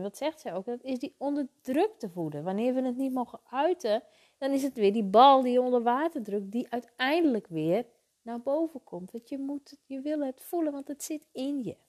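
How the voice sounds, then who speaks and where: A woman in her thirties, in a reflective, casual talk about feelings, speaking gently and soothingly, often adding little tag words and restarting her sentences. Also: a little high. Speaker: emotional wellbeing speaker.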